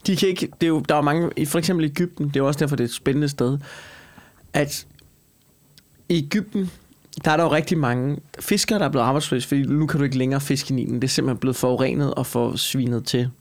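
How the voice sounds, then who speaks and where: A man chatting casually and argumentatively, emphatic and animated, swearing and piling up repeated phrases to make his point. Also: medium pitch. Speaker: comedian and talk show co-host.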